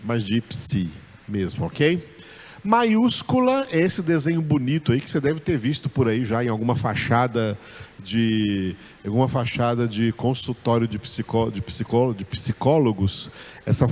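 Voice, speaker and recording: A Brazilian man teaching a lesson at an unhurried pace, in a voice of middling pitch. He talks patiently and repeats each sound over and over, as if making sure every student keeps up. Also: darkish tone. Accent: Brazilian Portuguese. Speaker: Bible school teacher. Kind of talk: recorded lecture.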